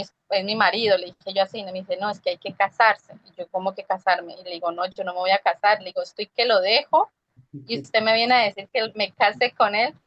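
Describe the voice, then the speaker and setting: A woman's voice: mid-range voice, no room sound. Young woman telling her church testimony, acts out the dialogue, dry muffled sound. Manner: storytelling, acts out quoted dialogue. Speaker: testimony guest. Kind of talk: personal testimony, conversational.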